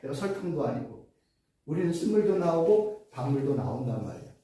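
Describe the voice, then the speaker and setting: A woman's voice: deep voice, big pitch swings, brisk, mellow. A woman theology professor giving an emphatic, sermon-like Bible lecture full of repetition and rhetorical questions, recorded in an echoey room from a distance. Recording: echoey room, far from mic.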